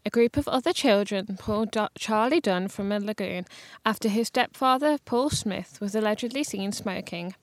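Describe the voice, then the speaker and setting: A woman reading a court news report aloud, steady, with the occasional stumble and restart. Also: medium pitch, moderate pace, dry recording. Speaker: news reader.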